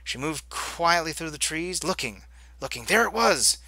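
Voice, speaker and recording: A gameplay host reading a story game aloud, reacting loudly and swearing at his choices. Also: on the high side, very animated, moderate pace, dry recording.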